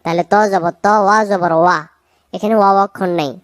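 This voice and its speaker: A woman teaching recitation, chanting verses slowly and drawing out each sound, then explaining the pronunciation quickly. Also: lowish voice, fairly even intonation, no echo. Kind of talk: slow recitation lesson with spoken corrections.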